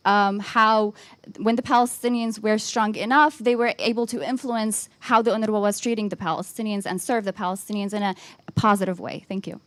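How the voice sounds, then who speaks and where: A woman's voice: mid-range voice, fairly even intonation, normal speed, a bit bright, dry recording. A woman from Lebanon, asking an earnest, hesitant question from the floor at a symposium. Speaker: audience questioner. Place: conference hall.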